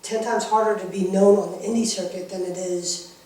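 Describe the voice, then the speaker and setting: A man's voice: high voice, steady tone, brisk, darkish tone. A man chatting casually in an interview as a guest, earnest and emphatic, often repeating himself. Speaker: wrestling insider, interview guest. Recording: echoey room, distant microphone.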